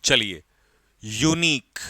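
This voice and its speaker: A man's voice: mid-range voice, lively intonation, extremely slow, pushed and bright, no echo. A man teaching an English grammar lesson to exam students, calling out examples and quizzing the class.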